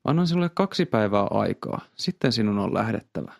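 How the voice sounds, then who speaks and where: Gruff, suspicious older village chief, voiced by a man reading a story with a low, gravelly voice. He sounds accusing and doubtful. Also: sing-song.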